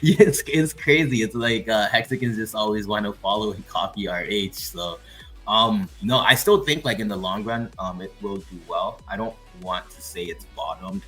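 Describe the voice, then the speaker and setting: Man, very low voice, rambling crypto chat, soft music underneath. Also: moderate pace, rough recording. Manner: rambling, lots of fillers and laughs. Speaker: co-host.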